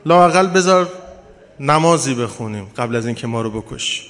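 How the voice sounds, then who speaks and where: A man's voice: mid-range voice, animated, a bit bright, natural voice. A man voicing two frightened, pious orphan boys who plead for their lives, in a tearful storytelling delivery. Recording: long hall reverb.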